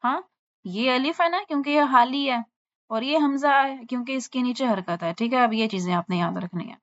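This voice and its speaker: A woman's voice: high-pitched, muffled recording. A woman teaching pronunciation of Arabic letters, patiently drawing out and repeating each sound and often checking that students follow. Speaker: Quran recitation teacher. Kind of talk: online lesson on letter pronunciation.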